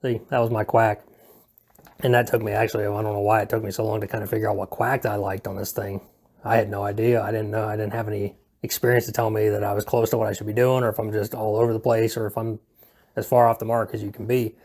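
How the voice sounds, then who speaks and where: Speaking fast in a lowish, level voice with vocal fry and a darkish tone, this man presents a hobby how-to video from indoors at home. His delivery is unscripted and casual: hesitant, laid-back, self-deprecating, and prone to rambling.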